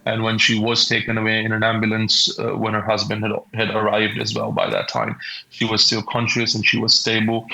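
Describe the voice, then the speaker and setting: A man in his twenties with a Pakistani accent, giving a shaken, halting eyewitness account in an interview. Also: fairly low pitch, creaky, sharp tone, poor audio. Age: 20s. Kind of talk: interview account of a traumatic event.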